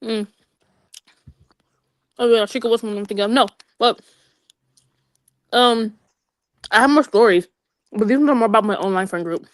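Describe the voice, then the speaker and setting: With a fairly high voice at a moderate pace, a young woman tells friends animated, gossipy tales packed with slang and digressions, sometimes pausing at length. The recording is studio quality with no room sound.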